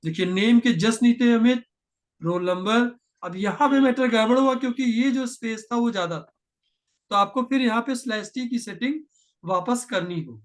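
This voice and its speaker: High-voiced man teaching coding. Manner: patient, step by step, slows to dictate code. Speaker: programming teacher. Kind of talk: screen-share coding tutorial.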